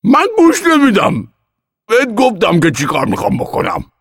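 A man voicing a stubborn, defiant old grandfather farmer who shouts and drags out his words. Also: medium pitch, sing-song, no echo, studio quality, voice pushed up. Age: older.

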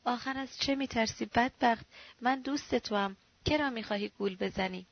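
A woman voicing a middle-aged man who pities and tries to reason with his frightened friend, in a dull, dry recording with a gravelly edge. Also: a little high, no echo. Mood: pitying. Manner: pitying, soothing, sometimes roaring. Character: exasperated, pitying middle-aged male friend.

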